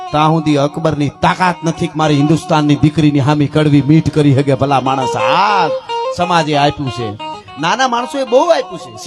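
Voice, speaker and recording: Man telling folk tales, high voice, faint guitar behind. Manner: lively, addresses listeners directly. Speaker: folk storyteller. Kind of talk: folk storytelling with sung verse.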